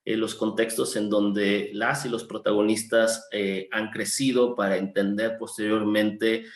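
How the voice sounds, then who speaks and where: A man hosting an interview, introducing his guest and asking questions in a measured, polite way with some fillers. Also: fairly low pitch, flat delivery, reverberant. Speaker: interview host.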